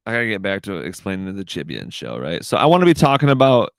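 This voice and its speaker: A man's voice: sits low, wildly swooping pitch, quick pace, vocal fry, no echo. A man in his thirties hosting a casual solo podcast, rambling and swearing with "dude" in every line. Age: 30s. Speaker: podcast host.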